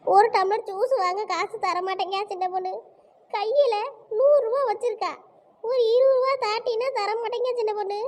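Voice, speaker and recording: A woman's voice: very high-pitched, normal speed, a little mellow. A woman voicing a whiny, self-pitying middle-aged village woman, melodramatic in a cartoon comedy. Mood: wailing.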